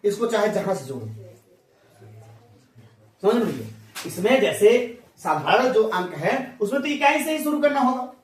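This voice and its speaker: A man's voice: high-pitched, sing-song, normal speed, long pauses. A man teaching a math lesson to a class in a folksy manner. He asks questions and answers them himself. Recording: echoey room, mic far off.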